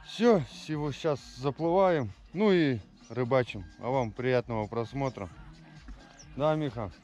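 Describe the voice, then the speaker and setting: A man's voice: mid-range voice, animated, unhurried, soft background music. A middle-aged man casually narrating a fishing trip from an inflatable boat, chatty and easygoing, recorded on an action camera outdoors. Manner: easygoing, chatty, exclaims over catches. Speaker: fishing vlogger. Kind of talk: casual outdoor vlog commentary. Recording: lo-fi camera audio with loud wind and water.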